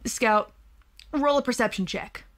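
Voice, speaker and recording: A woman's voice: a little high, a little slow. A woman narrating a tabletop game as game master, casual and often laughing.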